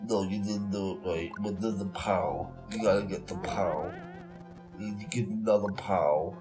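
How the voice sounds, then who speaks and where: A man with a congested voice, hosting and rambling through casual gameplay commentary as he coaches a player. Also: on the low side. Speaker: host.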